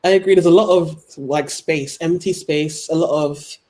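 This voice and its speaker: A woman's voice: low voice, moderate pace, dark tone. A young woman, a guest author, chatting casually on a video call and talking hesitantly with lots of "um" and "like". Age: young adult. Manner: hesitant, many fillers like um and like.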